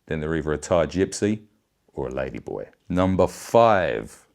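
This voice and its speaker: Deep-voiced brash man. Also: big pitch swings, measured pace, gravelly, darkish tone. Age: middle-aged. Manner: brash, bawdy, blokey banter. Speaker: vlogger. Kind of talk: satirical comedy rant.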